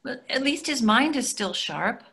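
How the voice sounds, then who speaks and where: Here the same role, a dry, matter-of-fact, exasperated and practical wife, is read by an older woman in a full character voice that is high, expressive, pushed and bright, and a little slow. It's a readers theatre reading done over a video call in a plain indoor room.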